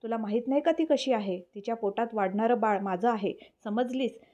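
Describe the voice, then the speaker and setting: A woman's voice: fairly high pitch, fairly quick, highs cut off, natural voice. A woman voicing a protective young man with a fierce temper, speaking sternly in a storybook reading. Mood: angry. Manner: stern and forceful.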